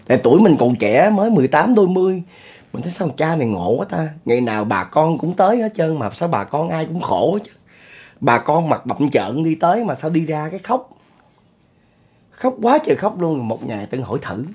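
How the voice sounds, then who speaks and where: A man's voice: fairly high pitch, big pitch swings, a little fast, a little mellow, breathy edge. A middle-aged man with a Southern Vietnamese accent, hosting and telling a spoken ghost story in a chatty way, talking to his listeners. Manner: chatty, addresses listeners, chuckles often. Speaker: storyteller host.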